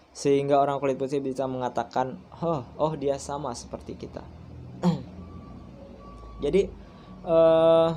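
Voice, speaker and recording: A man's voice: a little high, mellow, slight background noise. A young man in his twenties, a university student giving a recorded class presentation, speaking hesitantly with frequent fillers and restarts. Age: 20s.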